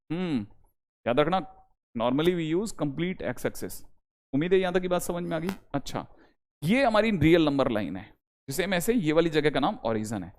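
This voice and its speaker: A young adult male math teacher with a somewhat high-pitched voice, giving an online lecture. He talks emphatically and keeps repeating key points, coaxing his students to note them down.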